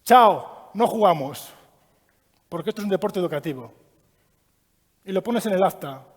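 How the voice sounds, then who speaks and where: A man giving a training talk to an audience, lively and asking them questions as he goes. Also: high voice, a little fast. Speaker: trainer giving a child-protection course. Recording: long hall reverb.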